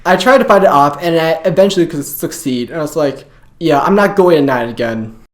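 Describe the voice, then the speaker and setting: Young adult, slow deliberate anecdote, mid pitch, roomy sound. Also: lively intonation. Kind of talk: casual anecdote. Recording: roomy recording.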